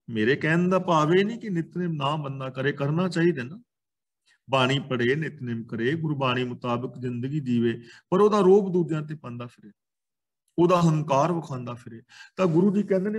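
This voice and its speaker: A man with a Punjabi accent teaches from scripture in a measured, explanatory way. His voice sits a little higher than most men's. He breaks his points into short phrases with pauses between them.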